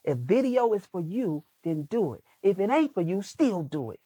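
A husky, dark-toned voice that sits high and moves in a sing-song way at normal speed, recorded dry. The man is a guest on a motivational podcast, emphatically preaching about making video content and repeating his phrases over and over.

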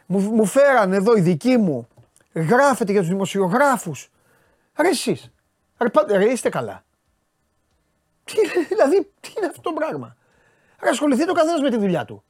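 A man's voice: sits high, big pitch swings, long pauses, dry recording, studio quality. A man with a Greek accent hosting a sports talk show, casually and exasperatedly scolding his viewers with rhetorical questions. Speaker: sports commentator host.

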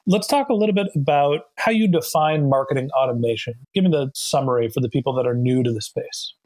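A man's voice: mid-range voice, a little fast, darkish tone. A man hosting a podcast, reading a sponsor spot and interviewing a guest in an upbeat, conversational way. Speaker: podcast host.

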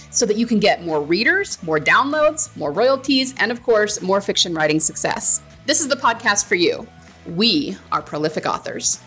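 A woman hosts a writing podcast, acting as host and coach for her audience and guests, opening with a scripted introduction before moving into a casual interview. Her voice is medium-pitched, a bit bright, and husky.

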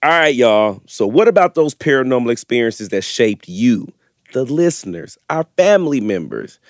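A man's voice: medium pitch, sing-song, normal speed, no echo, clean studio sound. A man co-hosting a podcast with casual, slangy, joking banter. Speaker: podcast co-host.

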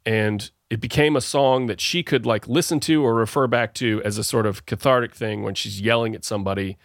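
A man's voice: lowish voice, steady tone, fairly quick, no echo, clean studio sound. A man hosting a show over a video call, talking in a rambling, playful way and often correcting himself. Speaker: podcast host. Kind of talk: casual songwriting chat.

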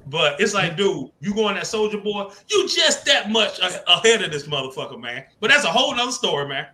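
High, bright-voiced male podcast host. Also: brisk, roomy sound. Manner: animated, loose, laughing asides. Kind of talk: casual chat.

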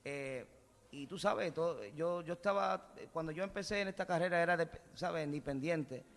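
A man, a singer guesting on a radio show, speaking earnestly and haltingly with many fillers. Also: a little high, long reverb tail. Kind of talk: casual radio interview.

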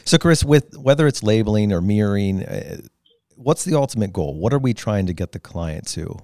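A man's voice: on the low side, expressive, normal speed, darkish tone, no room sound, clean studio sound. A man co-hosting a podcast, posing questions and thinking aloud with restarts. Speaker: podcast co-host. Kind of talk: casual podcast chat.

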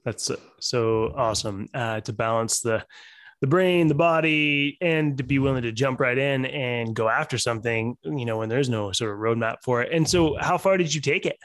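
A man's voice: medium pitch, moderate pace, fairly bright tone, no room sound, studio quality. A man in his forties hosting an interview from his home office, asking questions with friendly enthusiasm. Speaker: host. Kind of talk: casual interview conversation.

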